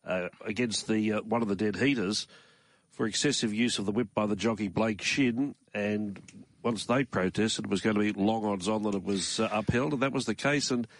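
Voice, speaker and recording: A man with an Australian accent hosting a morning racing talk show from a studio in a measured, conversational way. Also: fairly low pitch, no echo. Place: radio studio.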